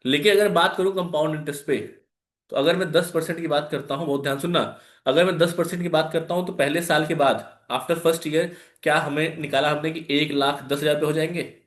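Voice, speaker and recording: A man with an Indian accent runs a live online maths lesson, walking through each step and putting questions to his students. His voice sits a little high for a man. The room around him rings with a noticeable echo. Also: fairly even intonation, fairly quick. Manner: explains step by step, asks students questions, mixes in English. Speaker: maths tutor. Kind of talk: live online class lecture.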